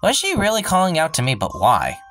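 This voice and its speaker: A man's voice: a little high, huge pitch swings, brisk, a bit bright, faint music behind. A man hosting a let's play, reading a visual novel's first-person narration aloud, stumbling and breaking off now and then for wry asides.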